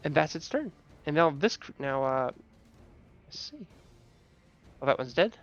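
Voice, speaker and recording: A man improvising narration as game master of a tabletop game, halting as he searches for descriptions. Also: a little high, very animated, a bit bright, highs cut off, faint music behind.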